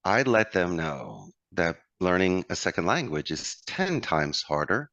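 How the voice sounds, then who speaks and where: A call center owner with a Philadelphia accent guests on a conversational interview, speaking in a deep, very animated, fairly bright voice at an unhurried pace. He's expansive and motivational, addressing the host by name, on a lo-fi recording with no echo.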